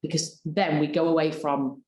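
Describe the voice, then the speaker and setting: Roomy-sounding woman coaching on delivery. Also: low-pitched. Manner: expressive, deliberate, coaching tone. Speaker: personal development coach. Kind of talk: workshop presentation. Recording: roomy echo.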